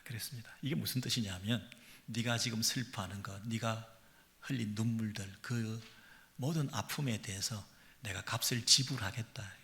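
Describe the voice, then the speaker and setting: A man delivers a sermon from the pulpit of a church sanctuary. His voice has a gravelly edge with a bright, forceful tone. He drops to hushed near-whispers and then climbs to loud, pleading peaks. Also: lowish voice, moderate pace. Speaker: pastor.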